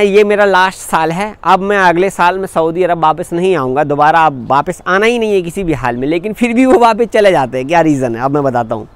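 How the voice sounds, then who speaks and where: A man's voice: sits high, smooth, no echo. A young man from India talking straight to camera in a vlog, giving earnest, repetitive advice to his viewers. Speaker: vlogger. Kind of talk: direct-to-camera vlog talk.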